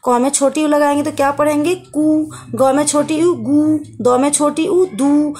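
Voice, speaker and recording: A woman's voice: sits high, steady tone, a little mellow. A woman teaching a children's Hindi lesson, patiently sounding out syllables and stretching the vowel sounds. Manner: patient, drawn-out sounding of syllables, calls listeners beta. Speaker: primary school teacher.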